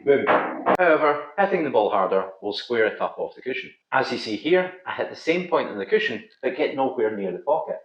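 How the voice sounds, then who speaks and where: A man's voice: mid-range voice, big pitch swings, fairly quick, hardly any pauses. A middle-aged man with a thick Scottish accent, giving scripted instructional narration as a pool coach and video host. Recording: slightly dull, roomy echo.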